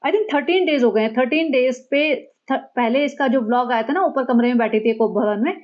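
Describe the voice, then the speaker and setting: Sarcastic high-voiced woman commentator. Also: brisk, muffled recording. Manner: sarcastic, chatty. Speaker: gossip commentator. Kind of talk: casual commentary.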